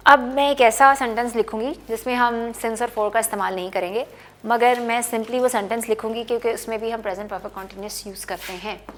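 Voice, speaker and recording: A woman's voice: a little high, fairly even intonation, a little fast, slight background noise. A woman teaching an English grammar lesson, explaining patiently and often checking in with the listener. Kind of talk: bilingual classroom lesson.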